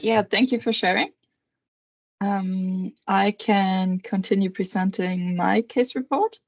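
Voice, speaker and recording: A woman's voice: fairly low pitch, no room sound, lo-fi sound. A young woman from Germany, presenting a nursing case report on a video call, hesitant and full of fillers. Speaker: nursing student.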